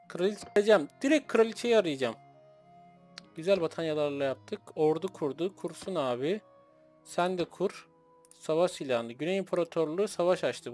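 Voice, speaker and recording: A man streaming a battle game, loudly ordering his troops around and mocking the enemy in a rowdy, playful way. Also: high voice. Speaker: gameplay streamer. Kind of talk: playing a strategy game live, commenting.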